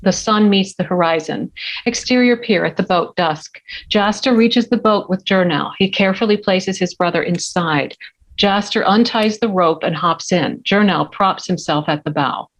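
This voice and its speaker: A woman narrates at a table read, reading scripted screenplay stage directions. Her voice is medium-pitched at a moderate pace, and the remote audio sounds dull and lo-fi.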